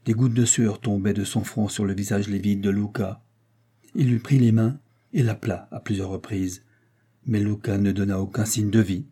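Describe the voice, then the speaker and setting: Low husky guy reading a novel aloud, mellow dark tone, measured and dramatic. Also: fairly even intonation. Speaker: audiobook narrator. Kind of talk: literary audiobook narration.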